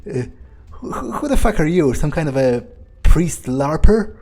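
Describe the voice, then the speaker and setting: Against game music, a man with a fairly high, dark-toned voice speaks at a measured pace yet very animatedly. He is a gameplay streamer in character, muttering sardonic thoughts and cursing heavily.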